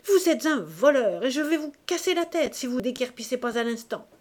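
A woman reading an audiobook voices an enraged, jealous older male magistrate who sputters and shouts threats. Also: high voice, animated, fairly quick, voice pushed up. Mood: furious.

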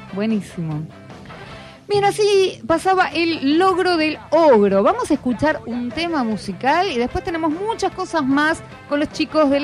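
A woman hosting a radio show, chatting casually with children and often checking in with short questions. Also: high voice. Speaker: radio host. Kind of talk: casual interview with schoolchildren.

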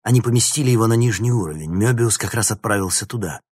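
A dutiful senior security guard reporting briskly and deferentially, read by a male narrator. The voice stays low and husky, dry and close. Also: a little mellow, dry recording.

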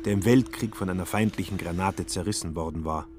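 Low-voiced male radio-play narrator. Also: a little fast, darkish tone, a little hiss or hum.

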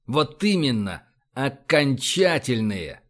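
A man's voice: mid-range voice, sing-song, takes it slowly, a bit bright, exaggerated voice. A man voicing a commanding, mocking male admiral who barks orders in a Russian audiobook. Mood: mock stern.

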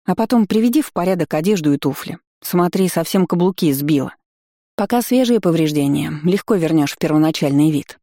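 An audiobook reader voicing a lively young woman who fires off questions and scolds her friend. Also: medium pitch, no room sound, clean studio sound, close to an everyday voice. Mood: teasing. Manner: exclaiming, chiding, quick questions. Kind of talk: audiobook character voice.

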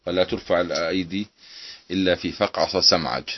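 Brief: deep-voiced male teacher, reads a text then explains it briskly, on a dull lo-fi recording. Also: steady tone. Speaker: Islamic jurisprudence teacher. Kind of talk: classroom lecture explaining a legal text.

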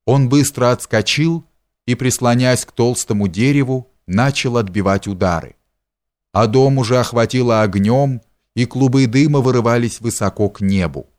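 A man reading a historical novel aloud as an audiobook, steady and measured. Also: medium pitch. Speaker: audiobook reader. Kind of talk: scripted narration of a historical novel.

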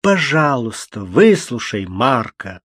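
A man reading an audiobook, voicing a gentle, innocent young woman who speaks softly. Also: medium pitch, very animated, takes it slowly, no room sound, studio quality, full character voice. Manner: soft, mild.

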